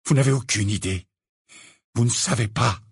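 A man voicing a grieving teenage boy wizard who trembles and shouts in rage, in an audiobook. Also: medium pitch, normal speed, creaky, breathy edge, no room sound, studio quality. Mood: bitter. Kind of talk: audiobook character voice.

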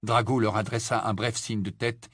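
A man narrating an audiobook in an even storytelling manner. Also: lowish voice, normal speed, dry recording, studio quality.

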